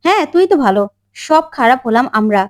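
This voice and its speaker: A woman's voice: high-pitched, sing-song, a little fast, no room sound, studio quality. A woman voicing a young man who harshly scolds his cousin. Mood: scornful. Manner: scornful, scolding.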